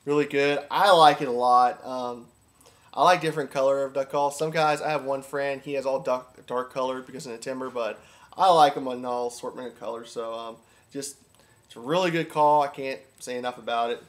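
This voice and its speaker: Here a duck calling instructor walks through a how-to in a relaxed, repetitive, informal style, plainly keen on what he teaches. He speaks fairly quickly at medium pitch, with fairly even intonation.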